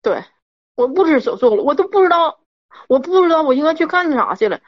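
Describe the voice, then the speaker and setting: A woman's voice: sits high, sing-song, brisk. Woman in her 40s, rambling and worked up, repeats stuff, muffled lo-fi sound. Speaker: caller. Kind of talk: telling a personal story. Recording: dull lo-fi audio.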